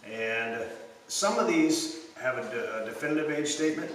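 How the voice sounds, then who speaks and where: Middle aged guy, bright voice, chatting kinda haltingly, big echoey room, off mic. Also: a little high, lively intonation. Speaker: co-host and taster. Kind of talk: casual chat. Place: own unfinished basement with concrete floor. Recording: big hall echo, distant mic, faint noise.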